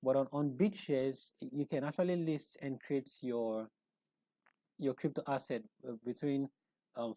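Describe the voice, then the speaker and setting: A man talks viewers through an on-screen walkthrough in a mellow, relaxed tone, recorded close and dry. He stops and restarts often, repeating words as he hunts for the next phrase. He checks in with rhetorical questions as he explains. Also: mid-range voice, dry recording. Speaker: presenter of an online explainer.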